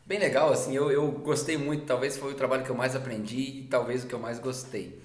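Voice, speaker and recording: A man's voice: medium pitch, steady tone, brisk. A man from Brazil with a Brazilian Portuguese accent, hosting a podcast and telling personal stories casually. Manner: casual, conversational, acts out quoted dialogue. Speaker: podcast host. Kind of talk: reflective personal storytelling. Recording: roomy echo.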